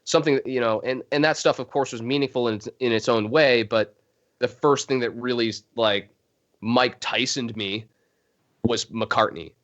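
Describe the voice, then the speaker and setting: A drummer with a Chicago accent chats as an interview guest, laid-back and rambling, chuckling often. His mid-range voice moves at normal speed with a fairly bright tone, heard through muffled lo-fi video call audio.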